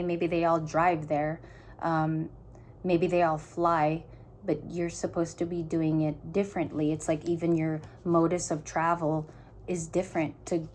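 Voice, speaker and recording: Low-voiced woman musing through a tarot reading. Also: fairly even intonation, measured pace, a little mellow, a little hiss or hum. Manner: musing aloud, stop-start phrasing; earnest, talks straight to the listener. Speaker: tarot reader. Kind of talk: casual tarot reading to viewers.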